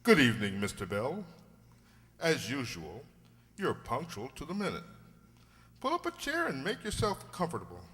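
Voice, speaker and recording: A man's voice: medium pitch, huge pitch swings, moderate pace, pauses often, fairly bright tone. A man playing a genial, sentimental older English doctor telling a story in an old-time radio drama, hearty and avuncular. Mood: genial storytelling. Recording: hall-like long reverb.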